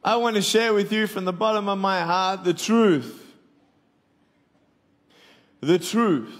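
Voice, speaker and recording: With a high voice and a slow pace, a twenty-something Australian evangelist works a live audience, mixing jokes with motivation in his sermon and asking them to respond. His words echo in a long hall reverb.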